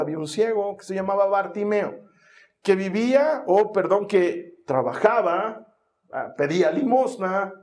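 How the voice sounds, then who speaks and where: A man preaching a sermon, telling Bible stories in a dramatic, animated way with jokes along the way. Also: high voice.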